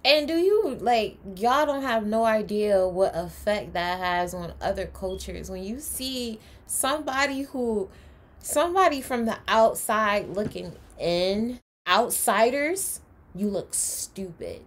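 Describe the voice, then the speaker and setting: Gravelly-voiced woman reacting with passion. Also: mid-range voice, takes it slowly. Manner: passionate, emphatic, preachy. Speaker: host reacting to a video. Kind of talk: reaction commentary. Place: indoors, home room.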